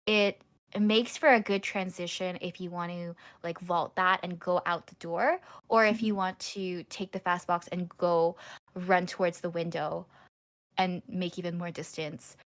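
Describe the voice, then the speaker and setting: A woman commentating a live online gaming tournament, walking through tactics step by step. She talks in a loose, analytical way, with plenty of "um" and "like" as she thinks aloud. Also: medium pitch. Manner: analytical, explains strategy with frequent fillers. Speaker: esports caster.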